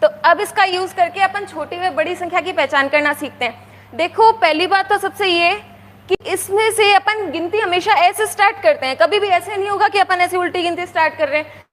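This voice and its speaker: A woman teaching counting to young children in a coaxing way, asking if they follow and counting aloud slowly. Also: very high-pitched, a bit bright, in a large hall. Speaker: primary school teacher. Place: classroom with a board.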